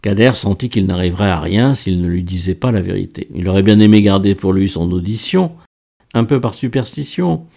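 Gravelly, warm-voiced male storyteller. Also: low voice, expressive, fairly quick. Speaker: audiobook narrator. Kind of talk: expressive scripted narration.

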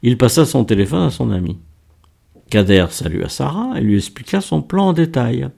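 A man reading a novel aloud as narrator, in an expressive, animated manner. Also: mid-range voice, normal speed, gravelly. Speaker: audiobook narrator.

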